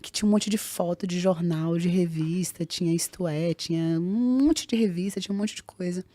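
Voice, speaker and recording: A woman, telling a personal story as a podcast guest, acting out the dialogue. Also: fairly low pitch. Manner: animated, acts out dialogue in quick voices. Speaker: guest, jiu-jitsu fighter.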